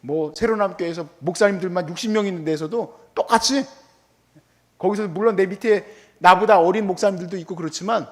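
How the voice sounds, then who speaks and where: A middle-aged male pastor giving a conversational, animated sermon in a church, often acting out quoted remarks. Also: high voice, a little fast. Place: church hall.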